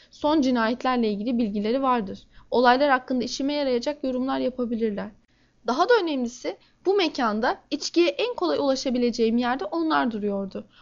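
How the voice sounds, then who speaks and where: A woman reading a first-person crime novel aloud in a steady, measured way. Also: high voice, lo-fi sound. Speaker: audiobook narrator.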